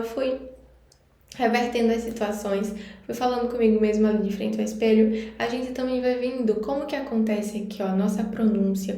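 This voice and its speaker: A woman's voice: on the high side, warm tone, very echoey. A woman from Brazil, an English teacher, giving a chatty, encouraging spoken lesson to camera. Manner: chatty, encouraging, repeats words and phrases.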